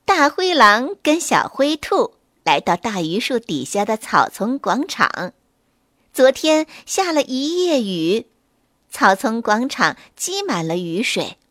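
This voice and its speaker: A woman storyteller reading a children's story aloud with clear, expressive delivery. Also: a little high, takes it slowly, no echo, studio quality.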